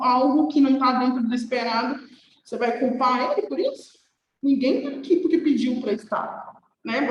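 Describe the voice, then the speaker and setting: A woman's voice: sits high, reverberant, slight background noise, rough recording. A young woman teaching an online nursing class in a chatty way, often checking with her students. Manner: conversational, checks with "tá?".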